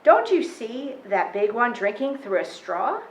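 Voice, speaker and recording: A woman reading a children's picture book, voicing a sassy, wise, warm-hearted grandmother with a folksy, emphatic way of teaching. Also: fairly high pitch, big pitch swings, a little slow, echoey room. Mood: gentle, wise.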